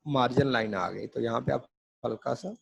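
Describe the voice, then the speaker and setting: Gravelly, husky male grammar teacher. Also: mid-range voice, dry recording, lo-fi sound. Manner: explains in Hindi, reads English examples slowly. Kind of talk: classroom grammar lesson.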